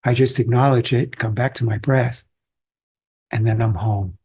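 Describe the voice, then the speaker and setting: Husky-voiced man giving a calm Zen talk. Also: medium pitch, unhurried. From Austria. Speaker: Zen teacher. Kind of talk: dharma talk.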